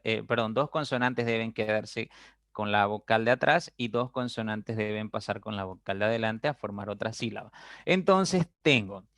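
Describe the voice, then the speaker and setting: A man's voice: on the low side, fairly bright tone, dry recording, studio quality. A male teacher giving a recorded lesson on dividing words into syllables, explaining patiently and drawing out example words syllable by syllable, with frequent check-ins to his students.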